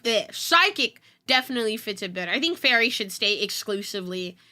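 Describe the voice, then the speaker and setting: A woman's voice: medium pitch, lively intonation, brisk, bright, forceful tone. A woman streamer chatting casually while reacting to videos, rambling with many fillers. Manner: trained in voice acting.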